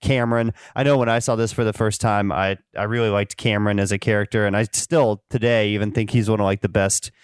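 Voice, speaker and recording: A man co-hosting a film review podcast, talking in a measured, easygoing way. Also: on the low side, fairly even intonation, clean tone, dry recording, clean studio sound. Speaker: podcast co-host. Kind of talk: casual film review chat.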